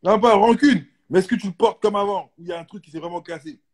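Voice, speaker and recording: A man's voice: high voice, fast talker, slightly rough. A man hosting a casual interview, asking direct questions and giving short slangy reactions. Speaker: host, interviewer.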